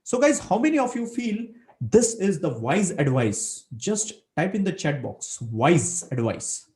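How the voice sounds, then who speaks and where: A man's voice: high-pitched, very animated, unhurried, a little mellow. A man from Maharashtra with a Marathi Indian accent, coaching in a motivational business webinar, emphatic and repeating key phrases, mixing Hindi into English.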